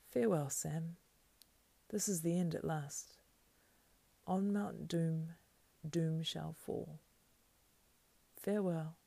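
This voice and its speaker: Frodo, a gravelly, solemn, weary hero acted by a narrator. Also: medium pitch, unhurried, a little mellow, no room sound. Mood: solemn farewell. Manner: commanding, solemn, breathless. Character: stern, weary, resolute male ring-bearer.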